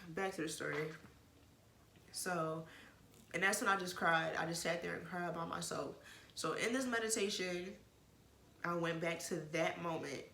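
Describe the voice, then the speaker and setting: A woman's voice: lowish voice, moderate pace, gravelly, pauses often, sharp tone, a little hiss or hum. A woman vlogger frankly telling an emotional personal story in casual talk, with plenty of swearing and rambling asides. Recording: roomy echo.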